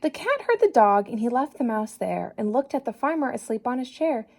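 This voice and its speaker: Her voice on the high side, a woman reads a children's tale in a teacherly way. She stays animated and encouraging, pausing to question the kids listening.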